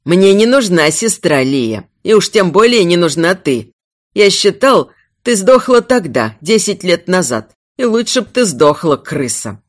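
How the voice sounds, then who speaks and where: A woman's voice: fairly low pitch, sing-song, measured pace. Woman voicing a hateful ghostly brother. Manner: snarling, contemptuous. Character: hateful young adult brother ghost, spiteful.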